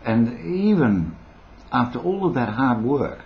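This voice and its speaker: A man's voice: mid-range voice, very animated, unhurried. A man in his sixties with a mild Australian accent, a former radio broadcaster, chatting eccentrically and playfully in a casual vlog. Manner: playful, eccentric, rambling with frequent chuckles. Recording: dull lo-fi home recording.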